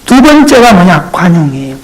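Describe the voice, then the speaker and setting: Male pastor, sermon, playful, animated, speaks straight to the congregation. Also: high-pitched, moderate pace, slightly rough, low-quality recording.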